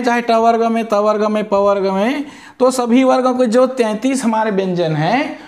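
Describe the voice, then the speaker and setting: A male teacher giving a lesson on letters and sounds, drawing out each syllable and answering his own questions. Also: very high voice. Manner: explains slowly, asks questions and answers them himself. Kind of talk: classroom lesson on Hindi letters. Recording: echoey room.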